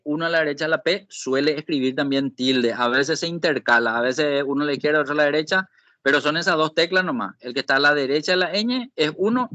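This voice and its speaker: A man's voice: a little high, sharp tone, dry recording. A man teaching an online spreadsheet class, explaining step by step and often checking in with the students. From Paraguay. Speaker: Excel instructor. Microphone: video call.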